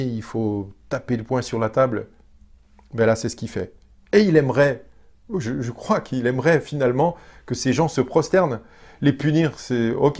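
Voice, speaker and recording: Guy preaching, chatty, keeps asking the crowd stuff, lots of restarts, mid pitch. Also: a little mellow. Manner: conversational, asks the congregation questions; frequent restarts and hesitations. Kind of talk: sermon.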